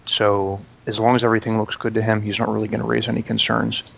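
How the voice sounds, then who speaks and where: A man with a low, gravelly voice and a flat, even delivery plays a tabletop game. He talks through his character casually and jokes along. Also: fast, highs cut off. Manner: easygoing, joking. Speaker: player.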